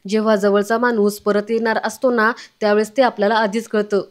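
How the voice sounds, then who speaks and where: A woman reading the lines of a gruff but affectionate elderly grandfather in a flat, even voice. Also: mid-range voice, a little fast, natural voice.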